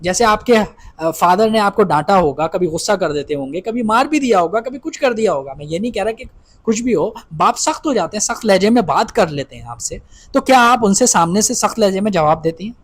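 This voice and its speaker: A man's voice: high-pitched, animated. A man giving an instructive advice talk to wives, dropping English phrases into his speech and often asking "right?" to check in. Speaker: marriage advice speaker.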